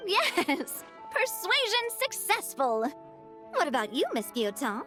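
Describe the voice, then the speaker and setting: An actress playing an excitable, chirpy young gaming enthusiast in a video game. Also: female voice, high voice, a little slow, soft background music, full character voice. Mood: excited.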